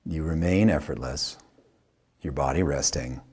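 This is a yoga teacher guiding a meditation, his voice husky and very deep. He speaks calmly in short, unhurried phrases, leaving long pauses between them.

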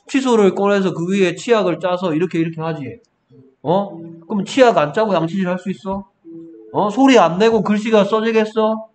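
A man tutoring a student one-on-one, coaxing and scolding, prodding again and again for an answer. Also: high voice. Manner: scolding, repeatedly prompting with "어?". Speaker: English tutor. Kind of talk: one-on-one spelling lesson.

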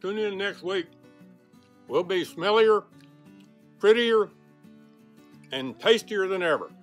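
Outdoors on a lapel mic, an older garden show host opens with teasing, theatrical jokes aimed at his viewers. His high voice moves slowly with lively intonation, and faint music plays behind him.

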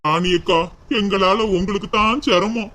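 A woman voicing a gentle, supportive young husband in a cartoon, speaking in a consoling, determined way. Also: medium pitch, moderate pace, heavy background noise, close to an everyday voice. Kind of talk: cartoon voice acting.

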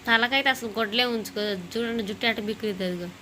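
A young new mother chats at home at night. She sounds worn out and feverish, and her bright, clear voice carries a tired, complaining tone. A faint hum of the house sits behind her. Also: on the high side, racing. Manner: tired, complaining, talking straight to viewers. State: weary, feverish and short of sleep. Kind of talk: casual home vlog chat.

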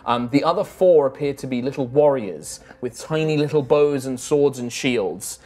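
Low-voiced woman game master. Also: normal speed, darkish tone. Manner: descriptive, hesitant with fillers. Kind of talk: narrating a tabletop game.

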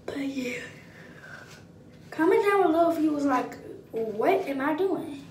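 A woman's voice: sits high, animated, unhurried, darkish tone, roomy sound, recorded from a distance, slight background noise. A young woman, chatting playfully and rambling while doing her hair for her vlog. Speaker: vlogger.

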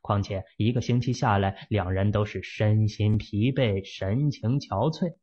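A man narrates a fantasy novel for an audiobook, telling the story in a steady, measured way. His voice is fairly low with a breathy edge, and the lo-fi recording sounds muffled.

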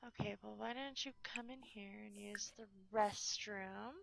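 A woman with a gravelly, creaky edge in her voice gives relaxed game commentary at an unhurried pace. She chats to her characters and viewers, sometimes dropping into a whisper, and a steady hiss of background noise runs under the recording. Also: mid-range voice. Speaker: let's play host.

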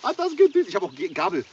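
A man's voice: high voice, a little mellow, distant mic. A man hosting an outdoor challenge in casual, exclamatory chat. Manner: exclamatory, reactive. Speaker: challenge host. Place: outdoors by a log cabin in woodland. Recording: muffled, noisy outdoor recording.

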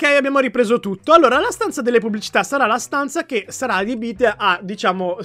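Brief: high-pitched male gaming host, excitable, casual role-play chat. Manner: excitable, yelps and shouts when in trouble.

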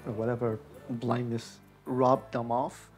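A middle-aged man, an instructor, speaking reflectively in deliberate, halting phrases into a lapel mic. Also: medium pitch, flat delivery, a little mellow, faint music behind. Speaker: vision rehabilitation instructor. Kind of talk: reflective interview talk and narration. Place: small office.

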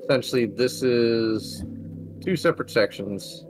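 A man's voice: mid-range voice, unhurried, over music, rough recording. A man narrating an online tabletop game as game master.

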